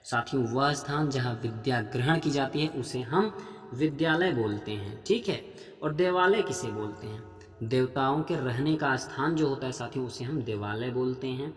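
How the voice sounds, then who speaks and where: A man's voice: medium pitch, normal speed, reverberant, long reverb tail, soft background music. A man teaching Hindi grammar for a police exam, patient and repetitive, with a regional Jharkhand accent. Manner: patient, addresses viewers as friends, repeats "theek hai". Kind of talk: explaining grammar practice questions.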